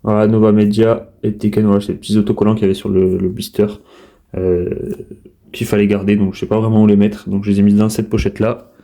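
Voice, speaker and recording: A man's voice: on the low side, little pitch movement, fast talker, warm tone. A man casually showing his disc collection in an unboxing video, talking in a chatty, hesitant way with many fillers and restarts.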